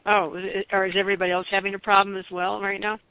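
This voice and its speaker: A woman's voice: medium pitch, level tone, racing, dry recording. Woman calling out on a choppy call. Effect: call participant with a breaking-up connection. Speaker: conference call participant. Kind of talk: casual discussion. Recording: dry, thin phone-like call audio.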